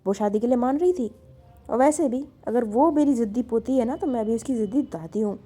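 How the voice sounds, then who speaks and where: A woman's voice: a little high, a little fast, mellow, lightly acted. A woman doing a scheming, doting old grandmother. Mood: sly. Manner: coaxing, teasing, stubborn.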